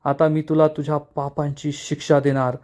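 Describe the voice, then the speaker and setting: A man voicing the vengeful ghost of a murdered woman in a retold serial scene, speaking in a slow, accusing, threatening way. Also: fairly high pitch, flat delivery, darkish tone, lightly acted.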